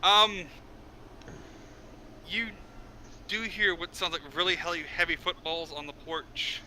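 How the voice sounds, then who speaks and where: A man runs a tabletop game session, describing scenes in a loose, casual way with plenty of swearing. His voice sits high and rings very bright. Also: slow pace, a little hiss or hum, poor audio. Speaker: game master.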